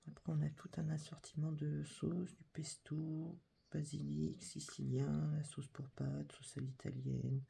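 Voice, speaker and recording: Slow, breathy whispering woman. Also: deep voice, level tone. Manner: soft whispering with chatty asides. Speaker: catalogue reader. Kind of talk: whispered ASMR catalogue reading.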